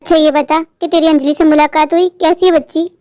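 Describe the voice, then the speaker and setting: A woman's voice: high-pitched, flat delivery, brisk, warm tone, no echo, studio quality, lightly acted. A woman voicing a doting middle-aged mother bird in a cartoon, fussy and affectionate and afraid of being left alone. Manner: fussing, affectionate. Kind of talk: cartoon voice acting.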